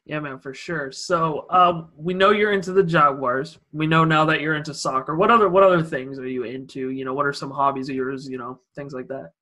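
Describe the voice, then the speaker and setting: A man's voice: a little high, fairly even intonation, a little fast, few pauses, bright, forceful tone. A young man from Idaho hosting a casual podcast interview, asking loose, rambling questions full of fillers. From Idaho, USA. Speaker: podcast host.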